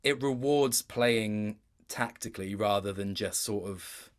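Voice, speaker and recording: In a relaxed interview chat, a man who works as a video game voice actor talks a little slowly in a lowish voice. He sounds thoughtful and unsure at times, with a touch of self-deprecation.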